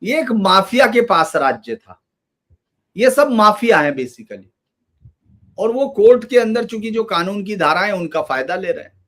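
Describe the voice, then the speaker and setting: A man's voice: high-pitched, big pitch swings, unhurried, fairly bright tone. A man giving emphatic political commentary in a loose, run-on conversational manner.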